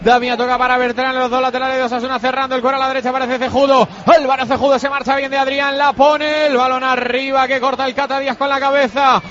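A man's voice: very high voice, little pitch movement, a bit bright, a little hiss or hum. A man giving live football play-by-play on radio, calling each pass in turn. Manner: rapid running call of each pass. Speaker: play-by-play commentator. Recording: dull lo-fi broadcast audio.

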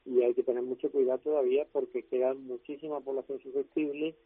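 A man, a doctor and author, explaining things calmly and in a measured way during a radio phone interview. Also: medium pitch, no echo. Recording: dry tinny phone line.

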